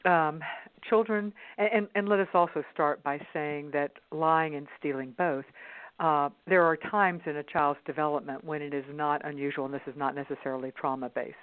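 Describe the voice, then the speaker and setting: A woman's voice: sits low, no echo. A woman hosting an interview, asking questions hesitantly with frequent "uh" and repeated words. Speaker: podcast host. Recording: tinny phone-like line, dry.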